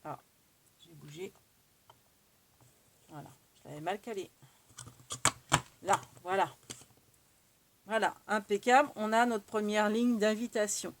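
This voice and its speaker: A woman's voice: medium pitch, steady tone, takes it slowly, long pauses, slight background noise. A woman with a French accent demonstrating a craft tool, chatting casually and thinking aloud as she works. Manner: chatty, thinks aloud while working, many fillers. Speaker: craft tutorial host.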